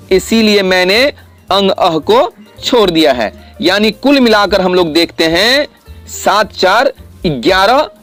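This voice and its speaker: High-voiced man teaching slowly. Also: a bit bright. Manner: slow, careful explanation with drawn-out vowel sounds. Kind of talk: classroom lesson to children.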